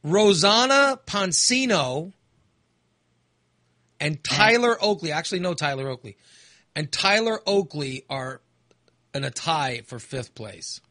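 An American man hosting a casual radio chat, rambling and halting, with frequent fillers and restarts. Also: fairly high pitch, lively intonation, sharp tone, dry recording, studio quality. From United States. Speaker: radio host.

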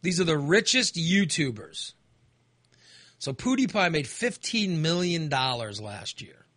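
An American man hosts a loose radio chat, his bright voice swinging up and down as he talks. He rambles and restarts, and a dry, close studio mic leaves little room sound. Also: on the high side, big pitch swings, dry recording. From United States. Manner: rambling, halting, with restarts and fillers. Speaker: radio host.

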